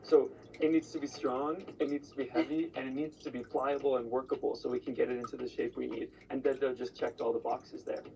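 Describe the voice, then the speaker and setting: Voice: medium pitch, flat delivery, a little fast, creaky, hardly any pauses, mellow, distant mic, highs cut off. An upbeat, confident engineer from Los Angeles explains their build. The voice sits a bit back from the mic, with a faint room hum behind it. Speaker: engineer and competitor. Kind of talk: casual competition-show chat.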